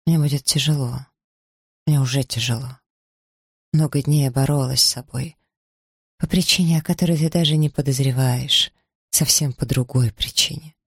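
A man reading aloud, putting on the voice of a quiet, resolute wronged wife who speaks evenly and firmly. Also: normal speed, pauses often, slightly rough, dry recording, clean studio sound. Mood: pained. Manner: low, even, firm.

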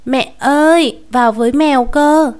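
A woman's voice: high voice, measured pace, a little mellow, voice pushed up. A spoiled little boy begs in a raised, whiny voice, as a woman storyteller puts him on. He sounds pampered and sulky, pleading to get his way in a spoken storybook.

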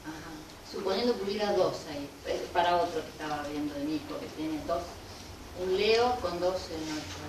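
A woman's voice: on the low side, brisk. A woman with an Argentine accent, a workshop participant, asking curious questions in class. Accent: Argentine Spanish. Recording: distant echoey room with background noise.

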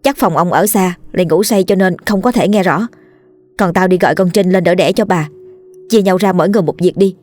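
A woman voicing a quick-witted young servant girl who talks briskly and scornfully. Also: on the low side, soft background music, natural voice. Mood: brisk orders. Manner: brisk, sharp, contemptuous.

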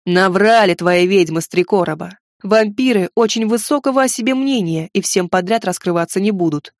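A woman's voice: medium pitch, moderate pace, no room sound, studio quality, close to an everyday voice. A woman reading aloud, voicing a boastful, grumbling bearded wizard man of about fifty who speaks with sarcasm. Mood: sarcastic.

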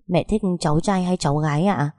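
A woman playing a hesitant young pregnant wife, stammering, dark dry voice. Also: deep voice, a little fast, dry recording, close to an everyday voice.

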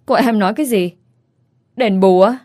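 A woman's voice: mid-range voice, normal speed, natural voice. A woman voicing an arrogant, mocking rich young man in an audiobook story reading. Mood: sneering. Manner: taunting, scornful, then angry shouting.

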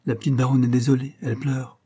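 Sly flirty marquise teasing with questions , read by a guy, mellow husky tone. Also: mid-range voice, little pitch movement, quick pace, lightly acted. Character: coquettish, sly noblewoman, a marquise.

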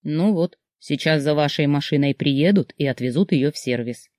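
A commanding, self-assured wealthy man, as a storyteller voices him, speaking lower and with calm authority. His tone is mellow and unhurried. The sound is close and dry, audiobook style. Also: dry recording, natural voice. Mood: reassuring.

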